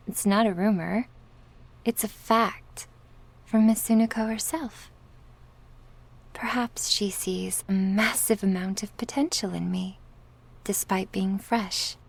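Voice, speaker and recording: In an ASMR roleplay, a woman plays a young crime-syndicate recruit who is politely teasing and smug, her voice soft and breathy. She speaks slowly at mid-range pitch with a steady tone, pausing often.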